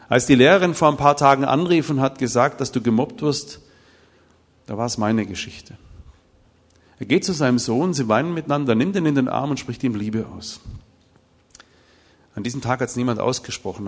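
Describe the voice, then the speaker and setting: A middle-aged man gives a sermon in a large hall, and his voice rings on in the long reverb. He tells stories with lively, animated delivery and acts out the dialogue of the people in them. His pitch sits in the ordinary middle range for a man. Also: normal speed, long pauses. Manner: animated storytelling, acting out dialogue. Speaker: preacher.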